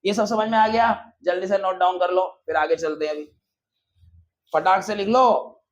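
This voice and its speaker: High-voiced man teaching a lively class. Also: normal speed, muffled recording, slight background noise. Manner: lively, often quizzes the class and answers himself; addresses students casually as brother. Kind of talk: classroom maths lesson. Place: classroom with students present.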